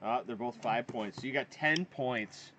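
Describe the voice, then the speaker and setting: There is background noise as a mid-range male voice speaks at a measured pace. He's a coin hobby host leading a relaxed family coin hunt at a campsite table outdoors, tallying the score and explaining what turns up with encouragement.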